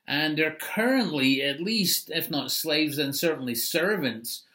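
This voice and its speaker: A man's voice: a little high, expressive, unhurried, bright, forceful tone. A middle-aged man preaching a sermon in a conversational, explanatory way, with asides. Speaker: pastor.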